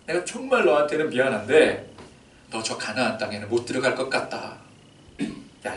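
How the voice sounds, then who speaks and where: A man voicing God as a calm, fatherly male divine figure, speaking softly and intimately. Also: lowish voice, voice pushed down. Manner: soft, intimate, fatherly address. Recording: echoey church hall, distant mic.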